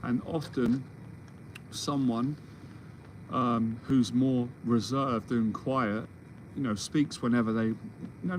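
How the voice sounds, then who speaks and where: Casting: man, 40s, mentor type, rambling reassuring monologue, mid pitch, audible background noise. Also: a little mellow, rough recording. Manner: rambling, restarts often, reassuring. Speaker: confidence mentor. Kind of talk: solo Q&A monologue. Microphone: livestream or video call setup.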